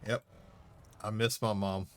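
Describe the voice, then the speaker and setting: A man's voice: fairly low pitch, flat delivery, a little slow, smooth. A man streaming a space game, chatting casually and talking back to the game. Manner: rambling, talks back to the game. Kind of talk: casual chat while playing.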